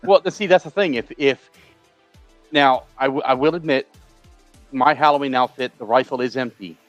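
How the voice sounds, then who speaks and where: A man's voice: mid-range voice, normal speed, a bit bright, no room sound, soft background music. A man bantering as a guest in a casual live stream chat over a video call. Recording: dull, dry video call audio.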